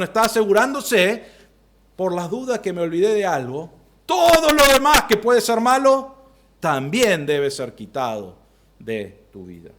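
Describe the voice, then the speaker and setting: A man preaching an expository sermon from the pulpit in an Argentine Spanish accent, swinging from loud bursts to quiet low asides. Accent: Rioplatense Spanish. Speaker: pastor.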